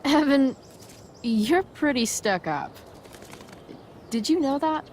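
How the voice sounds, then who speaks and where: A woman's voice: high-pitched, animated, takes it slowly, darkish tone, a little hiss or hum. A woman playing a sardonic, rebellious teenage girl in a video game, talking in sarcastic, casual slang. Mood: mocking.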